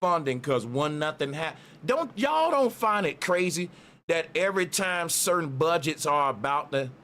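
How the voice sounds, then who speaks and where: A man's voice: fairly high pitch, sing-song, normal speed, a bit bright. A man giving casual, opinionated commentary to his viewers in a slangy, streetwise, conspiratorial exposé manner. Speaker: online commentary host. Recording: noticeable background noise.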